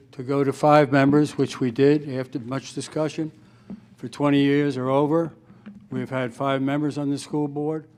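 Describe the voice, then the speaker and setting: A middle-aged or older man making informal, measured remarks at a town meeting, with some hesitation. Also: medium pitch, darkish tone. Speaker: school board member.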